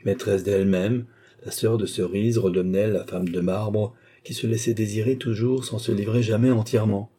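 A man narrating a classic novel as an audiobook, with steady, measured storytelling. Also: lowish voice, slightly rough.

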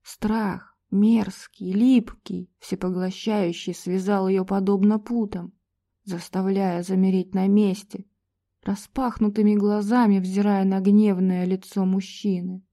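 Female audiobook narrator, mid pitch, mellow and warm, measured and tense delivery. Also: flat delivery.

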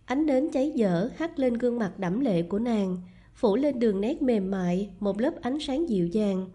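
A woman narrating a romance novel aloud in a soft, measured, even reading voice. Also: on the high side, husky. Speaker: storyteller.

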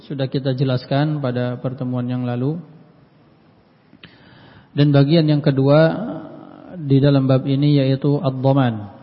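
Man teaching a religious lesson in a hall. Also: medium pitch. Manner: reads Arabic passages then explains them plainly, often repeating key words; clears throat often. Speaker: Islamic study teacher. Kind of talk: religious lesson reading and explaining a text. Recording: dull lo-fi audio with long hall reverb.

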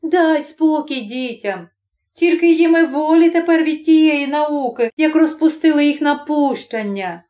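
A woman voicing a brisk housewife who scolds her husband with mocking disbelief, in an audiobook story. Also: high-pitched, mellow, pitched above the performer's own voice. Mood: scolding. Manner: scolding, incredulous.

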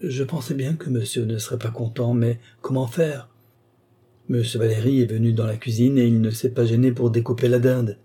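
A man's voice: medium pitch, fairly even intonation, moderate pace, mellow, breathy edge, close to an everyday voice. A man voicing a chatty old female country servant, telling her story in a breathless, exclamatory way, for an audiobook. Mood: indignant.

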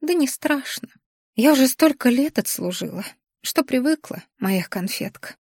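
Woman voicing a fussy hoofed governess creature, storybook figure, high fretful voice, gushing, dry close sound. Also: animated, normal speed, darkish tone, slightly rough, no echo, heavily acted. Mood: fussing. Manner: gushing, shrill and dramatic.

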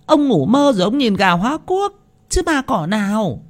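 A man voicing a bossy, short-tempered landlord's wife who scolds sharply in a high voice. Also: big pitch swings, normal speed. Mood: scolding.

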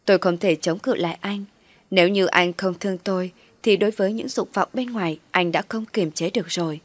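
A woman reading a first-person story in an even, intimate way. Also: mid-range voice, brisk, no echo. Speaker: story narrator.

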